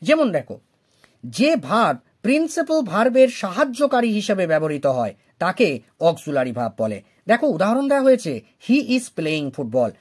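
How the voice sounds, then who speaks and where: A woman's voice: mid-range voice, big pitch swings, normal speed, slightly rough. Woman teacher walking students through grammar rules, patient, points at examples, voice rises and falls a lot. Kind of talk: explaining lesson in Bengali.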